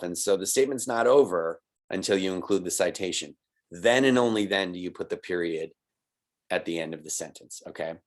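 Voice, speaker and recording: A man teaching a recorded online college writing lesson, explaining patiently and checking in with "right?" and "okay?". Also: low-pitched. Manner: explanatory, patient, with little laughs.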